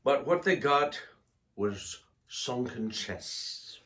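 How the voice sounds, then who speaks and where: Co-host, male, slow and animated joke-teller, playful delivery. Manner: slow, playful joke-telling with lively pitch. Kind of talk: casual comedic chat.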